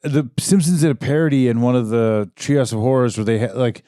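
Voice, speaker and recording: A man's voice: mid-range voice, brisk, warm tone, clean tone, no room sound, clean studio sound. A man co-hosting a casual comedy podcast, telling stories with easy enthusiasm and casual swearing. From Southern California. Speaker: podcast co-host.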